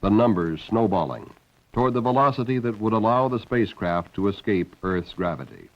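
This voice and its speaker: Low-voiced male documentary narrator. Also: expressive, brisk. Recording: dull band-limited old film soundtrack.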